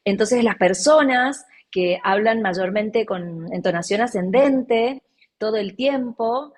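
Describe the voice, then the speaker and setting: A woman's voice: mid-range voice, slow, a little mellow. Woman, communication coach, casual interview register, affirming and explanatory. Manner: affirming, explanatory, repeats phrases for emphasis. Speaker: communication and public speaking coach.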